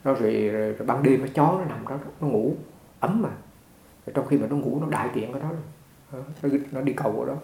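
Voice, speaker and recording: A man's voice: mid-range voice, fast, vocal fry. A man, a Buddhist monk, giving a conversational dharma talk full of stories and repeated words. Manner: conversational, repeats words, animated when retelling. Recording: echoey room.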